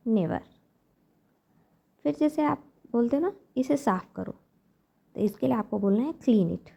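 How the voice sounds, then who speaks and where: A woman teaching parents everyday English phrases to use with children, repeating each phrase slowly and carefully. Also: on the high side, vocal fry, mellow, muffled recording. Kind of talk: spoken English lesson for parents.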